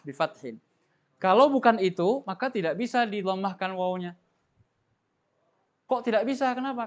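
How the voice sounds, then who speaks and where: A male teacher giving a tajwid lesson to a class, explaining patiently, asking questions and having students repeat after him. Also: sits high. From Indonesia. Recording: dull lo-fi recording.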